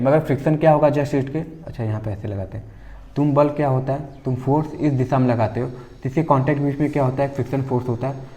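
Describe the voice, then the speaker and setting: A man teaches an exam-prep physics lesson in a conversational way, leaning on everyday examples. His voice is mellow and dark, at an ordinary pitch for a man. He keeps pausing to check that his students are following. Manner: conversational, repeatedly checking understanding with the class; explains through everyday examples.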